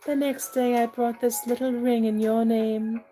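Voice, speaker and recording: A woman's voice: on the high side, level tone, unhurried, dark tone, close to an everyday voice. A woman playing a self-assured, whimsical young lady in a comic stage play, prim, chiding and matter-of-fact.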